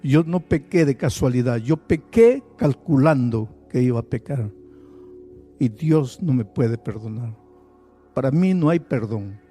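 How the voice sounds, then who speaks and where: A man voicing a guilt-ridden woman, a former missionary, who confesses in a low, quiet, halting voice. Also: animated, slightly rough, soft background music. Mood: despairing, tearful.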